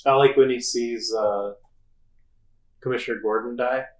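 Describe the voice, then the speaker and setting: A man's voice: mid-range voice, fairly even intonation, moderate pace. A man co-hosting a casual game podcast, joking and full of fillers. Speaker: podcast co-host. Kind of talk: casual chat. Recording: echoey room.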